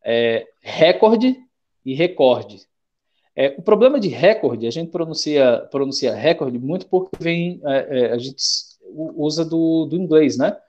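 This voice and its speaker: A young man with a Brazilian Portuguese accent, teaching an online class in a relaxed, chatty way that keeps checking in with the students. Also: on the high side, unhurried, muffled recording. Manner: relaxed, chatty, checks in often with slangy rhymes.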